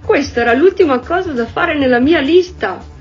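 A woman's voice: mid-range voice, lively intonation, a little fast, a little mellow, highs cut off, faint music behind, close to an everyday voice. A woman voicing a fussy little toad who loves his lists, in an eager, exclaiming storybook voice. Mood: alarmed.

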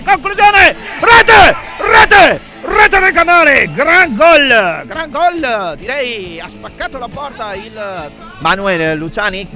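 An Italian male football commentator with a high voice gives excited goal commentary over clearly audible music. He swings between bursts of excitement and halting, filler-filled description as he hunts for the right words.

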